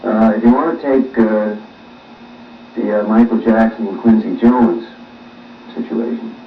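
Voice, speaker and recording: A man, a musician, answering interview questions with many pauses and fillers, heard on old worn tape. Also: fairly low pitch. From Canada. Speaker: musician guest. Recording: echoey, distant, dull old tape with faint hiss.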